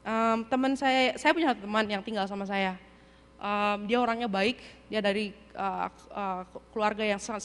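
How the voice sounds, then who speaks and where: A woman telling a personal testimony at a church service, animated, acting out her own past thoughts as she tells the story. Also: mid-range voice, big-room sound. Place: church hall.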